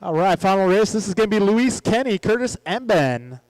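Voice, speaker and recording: A man with a fairly high voice runs the announcing at a hobby race track. He calls lineups and race positions and jokes casually between heats. The sound is dry and close. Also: sing-song, a little fast, darkish tone, no echo, low-quality recording. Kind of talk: live race commentary. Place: outdoor RC track.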